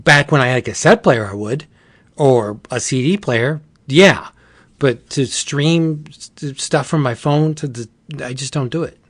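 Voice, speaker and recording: A man's voice: medium pitch, a bit bright, dry recording. Blunt man with a dry close sound. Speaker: podcast co-host. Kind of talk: casual chat.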